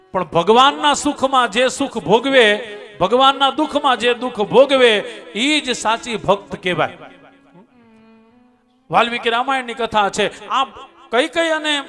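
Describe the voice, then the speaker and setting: A man with a high, voice tells a devotional scripture story with animated, chuckling asides. He speaks straight to his listeners as a religious storyteller. Soft music plays faintly behind him.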